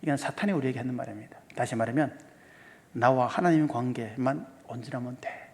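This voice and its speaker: A male pastor with a medium-pitched voice, some vocal fry, and a faint hiss or hum speaks fairly quickly in a seminar sermon. He asks the congregation many questions and works through sums step by step, with long hall reverb in the church sanctuary.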